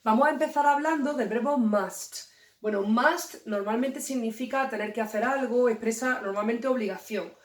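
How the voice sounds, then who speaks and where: A woman's voice: a little high, normal speed, recorded from a distance. Playful woman teaching English grammar. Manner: playful, jokey explanations. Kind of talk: explaining grammar to students. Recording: echoey room, voice away from the mic.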